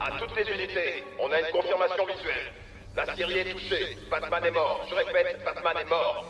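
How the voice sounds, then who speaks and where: A man's voice: high voice, fairly even intonation, moderate pace, a bit bright, echoey room, faint music behind. An actor playing a male soldier pilot who gives clipped, formal reports over a military radio in a dubbed video game. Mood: urgent. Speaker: helicopter pilot.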